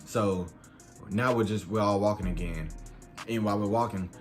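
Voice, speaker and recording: A young man with a fairly low voice tells a story in a loose, rambling, slangy way. Faint music plays behind him. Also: moderate pace. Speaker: vlogger. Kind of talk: storytime vlog.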